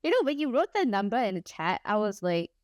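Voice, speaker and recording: Very animated and brisk, a young woman from Singapore chats casually during a gaming livestream in a mid-range, slightly mellow voice. The clean studio sound has no echo. She has a mixed, partly Singaporean English accent and rambles, laughs often and pleads playfully.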